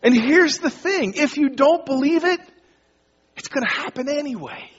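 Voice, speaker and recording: A man's voice: very high-pitched, normal speed. A man preaching a sermon as pastor, talking casually and directly to his congregation. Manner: conversational, addresses the congregation casually. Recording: dull lo-fi sound with long hall reverb.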